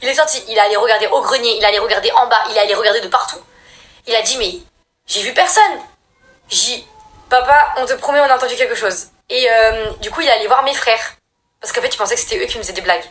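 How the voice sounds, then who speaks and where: Young woman from France, casual storyteller, slangy, animated, swings into high loud bursts. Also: quick pace. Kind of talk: casual scary-story telling. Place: at home doing makeup.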